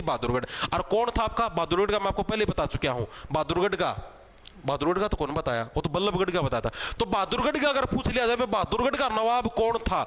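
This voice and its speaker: A man's voice: high voice, fairly bright tone. A young man with a Haryanvi accent teaching an exam class, chatty and joking, calling his students brother. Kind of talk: live online class with memory tricks.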